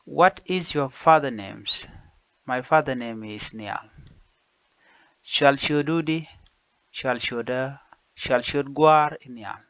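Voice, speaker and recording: A man teaching basic phrases, saying each one slowly and repeating it in two languages. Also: medium pitch, a bit bright, smooth, no echo. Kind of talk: slow phrase-by-phrase language lesson. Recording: dull lo-fi dry recording.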